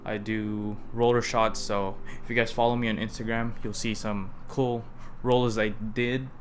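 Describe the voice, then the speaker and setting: A man's voice: lowish voice, level tone, moderate pace, a little hiss or hum. A young man hosting his own car project vlog, talking loosely to camera with frequent restarts. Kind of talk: casual vlog talk to camera.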